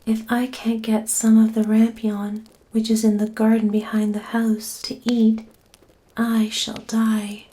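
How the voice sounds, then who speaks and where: A woman voicing a pining fairy-tale wife in a soft, breathy, plaintive voice. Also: a little high, completely flat delivery, measured pace, close to an everyday voice, poor audio.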